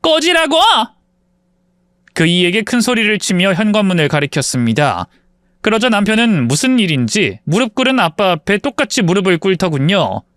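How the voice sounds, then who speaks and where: A man reading a first-person true-life story as scripted narration, plain and steady. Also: sits high, fairly quick, no echo, clean studio sound.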